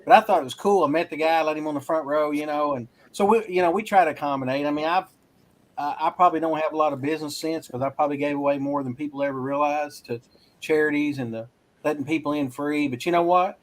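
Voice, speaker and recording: A man's voice: on the high side, fast talker. A man from Arkansas, a racing school instructor, talking casually as a guest and rambling with restarts. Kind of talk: casual interview talk.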